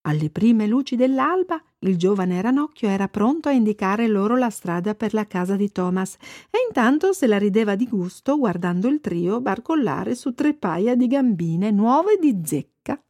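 A woman narrating a children's storybook in an expressive, lively way. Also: medium pitch, normal speed, hardly any pauses, no echo, clean studio sound. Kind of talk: storybook reading.

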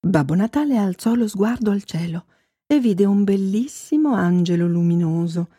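A woman reading children's Christmas stories and rhymes aloud in a gentle, expressive way. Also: medium pitch, normal speed, husky, dry recording, clean studio sound. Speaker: storyteller. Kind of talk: children's story and poem reading.

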